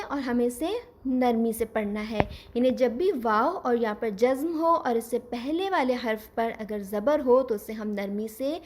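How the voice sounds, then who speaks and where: A woman teaching Quran recitation, explaining patiently step by step and slowing down to model each sound. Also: high voice. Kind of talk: scripted lesson.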